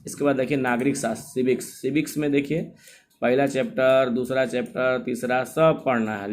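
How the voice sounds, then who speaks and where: A man's voice: mid-range voice, a little mellow, slight background noise. A man teaching in Hindi, going through the syllabus chapter by chapter and often checking that his students follow. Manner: repeats "thik hai" and checks students understand. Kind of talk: syllabus walkthrough lesson.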